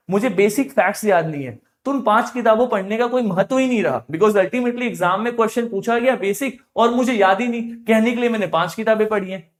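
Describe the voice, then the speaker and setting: Male exam coach with a high voice, mix, punchy self-questioning teaching style. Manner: emphatic, repeats key phrases, asks and answers own questions. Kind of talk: explanatory coaching talk.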